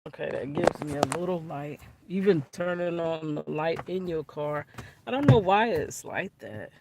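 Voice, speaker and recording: A woman's voice: sits low, animated, moderate pace, very noisy. A woman chatting animatedly to camera from inside her car, telling a story with lots of asides. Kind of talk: casual storytime.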